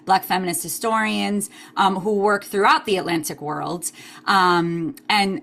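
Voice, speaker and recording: A historian and guest author from Queens, New York, born to Cuban parents, answers interview questions thoughtfully, using many "um" fillers and the odd Spanish phrase. Her voice is fairly low in pitch and a bit bright.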